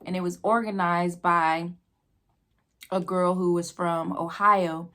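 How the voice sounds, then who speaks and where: An American woman with a slightly low voice chats casually as she tells a personal story. She takes her time, rambling along very slowly with halting pauses. She talks between bites, at times with her mouth full. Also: fairly even intonation, fairly bright tone. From New Mexico, United States. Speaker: vlogger telling a personal story while eating.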